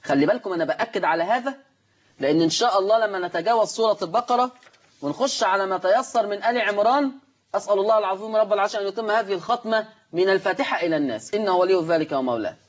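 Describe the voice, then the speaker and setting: A man with an Egyptian Arabic accent teaching Quran recitation rules at a board, animated, asking the class questions and answering them himself. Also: high-pitched, rapid-fire, muffled recording.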